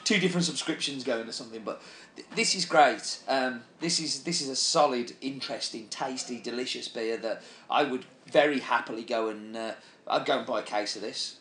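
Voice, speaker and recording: A man co-hosting a casual beer review chat, animated and enthusiastic, often restarting his sentences. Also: mid-range voice, brisk, a little hiss or hum. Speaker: beer podcast co-host. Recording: echoey room with faint ambience.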